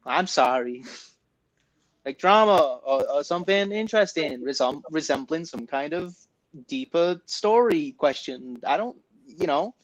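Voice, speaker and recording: A man chatting casually and laughing between his points. His voice is a touch high, and the recording sounds dry and close. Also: expressive, moderate pace, no room sound, poor audio. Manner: giggly, slips into mock voices. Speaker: podcast guest. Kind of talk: casual chat.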